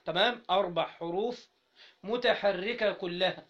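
A man with an Egyptian Arabic accent teaching Arabic grammar to a class, asking students questions again and again and spelling out syllables slowly. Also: sits high, fairly bright tone. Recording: dull lo-fi recording.

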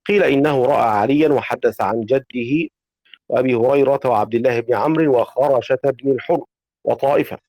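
Man, measured recitation, dark mellow voice, dry close sound. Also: medium pitch, no room sound, poor audio. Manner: measured recitation, asks polite questions. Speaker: student reading the text aloud. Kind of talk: reading a classical text in a lesson.

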